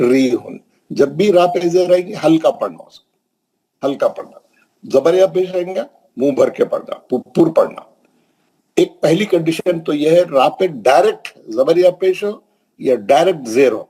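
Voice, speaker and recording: Man teaching recitation, husky, mellow, asks and answers his own questions, slow drawn-out examples. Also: fairly high pitch, poor audio. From Hyderabad, India. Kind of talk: classroom tajweed lesson.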